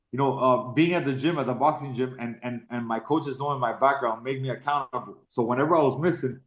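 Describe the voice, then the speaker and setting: A man in his forties from Miami, a professional fighter telling his life story in an interview, in a casual, halting way with many repeated words. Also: mid-range voice. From Miami, Florida. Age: 40s. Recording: roomy, dull lo-fi sound.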